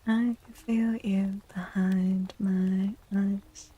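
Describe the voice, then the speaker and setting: Drawing out her words in a level, mid-range voice, a woman streams a soft-spoken ASMR tarot reading close to the microphone. She often lapses into a breathy whisper, and her manner is playful, cutesy and affectionate.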